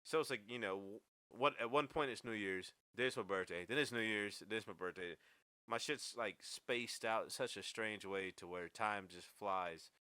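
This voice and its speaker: A man in his late twenties with a very low, bright-edged voice, rambling through a relaxed podcast chat. He swears freely and drifts from thought to thought. The sound is close and dry, with no room around it. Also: moderate pace, smooth, no echo. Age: 20s. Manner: rambling, laid-back, swears often. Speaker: podcast host. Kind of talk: casual chat.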